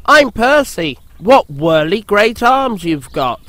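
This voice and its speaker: A man voicing a small, cheeky young tank engine in a storybook reading, high and eager and quick to take offence. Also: very animated, fairly bright tone, no echo, heavily acted. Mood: cheerful.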